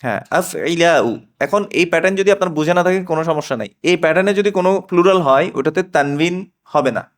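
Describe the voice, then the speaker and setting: A man's voice: on the high side, brisk. A middle-aged man teaching a classroom language lesson, patiently drilling and questioning his students. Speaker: Arabic teacher.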